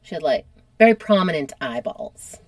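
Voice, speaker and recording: A woman's voice: lowish voice, moderate pace, vocal fry. A woman hosting a podcast, chatting casually as she retells a history story and peppering it with "like". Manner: chatty, animated, uses lots of "like". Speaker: podcast host.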